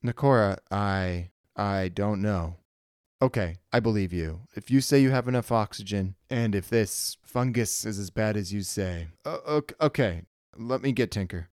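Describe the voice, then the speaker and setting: A man's voice: fairly low pitch, moderate pace, a little mellow, clean tone, no room sound, studio quality, lightly acted. A man voicing a determined female spaceship crewmate who talks in an urgent, pressing way. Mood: hesitant.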